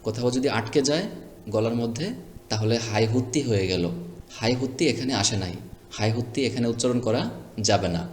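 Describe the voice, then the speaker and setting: A man's voice: mid-range voice, brisk, darkish tone, a little hiss or hum. A man teaching Quran reading, spelling out syllables one by one and chanting short recited phrases. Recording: echoey room with long reverb.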